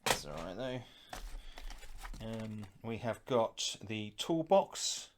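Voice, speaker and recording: This retro gaming unboxing host, a middle-aged man, talks slowly in a fairly low voice with lively intonation, and a little hiss or hum sits under the recording. His commentary is off the cuff and casual. He thinks aloud while handling each item.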